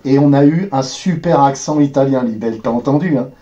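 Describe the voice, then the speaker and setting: A man's voice: mid-range voice, a little fast, mellow, muffled recording, slight background noise. A man streaming ghost hunts live, talking in a hesitant, rambling way. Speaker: paranormal livestreamer. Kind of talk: livestream talk.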